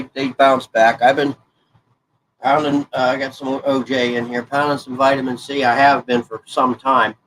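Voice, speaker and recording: Chatting casually while crafting, this hobby vlogger is a man in his 40s with a blocked nose, rambling folksily and correcting himself as he goes. His plain voice is medium-pitched and a bit bright, and the poor-quality audio carries faint background noise.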